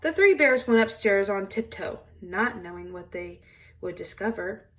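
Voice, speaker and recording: A woman reading a children's storybook aloud in an expressive storytelling style. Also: mid-range voice, moderate pace, recorded from a distance.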